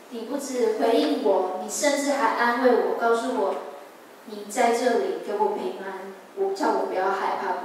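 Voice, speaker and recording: A young woman with a Taiwanese Mandarin accent gives a personal testimony in a church service, telling her story earnestly with halting restarts. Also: on the high side, slight background noise. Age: young adult. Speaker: church member giving testimony. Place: large church sanctuary. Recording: echoey hall, voice from a distance.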